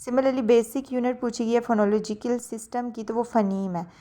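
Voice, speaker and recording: A woman's voice: a little high, fairly even intonation, normal speed, dark tone. Woman tutor going through exam answers. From Pakistan. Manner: mixes English into Urdu, corrects herself.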